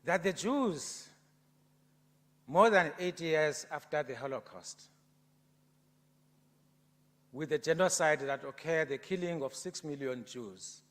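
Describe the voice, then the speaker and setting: A South African man giving an oratorical debate speech in a provincial legislature, building to loud passion. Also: on the high side. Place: legislative chamber. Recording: long reverb of a legislative chamber.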